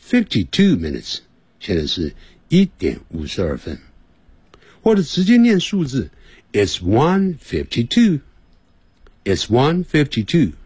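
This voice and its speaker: Radio English teacher, male; husky, very lively pitch, dry studio sound, patient and repetitive. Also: dry recording. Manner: explains patiently, repeats and slowly models English phrases. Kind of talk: radio language lesson. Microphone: studio microphone.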